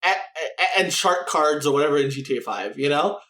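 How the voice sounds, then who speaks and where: A man talks casually on a gaming podcast, his pitch swinging widely as he rambles and restarts his sentences. He keeps asking "right?" and "you know?" as he goes. The room around him sounds echoey. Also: expressive, a little fast, a bit bright. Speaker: podcast co-host.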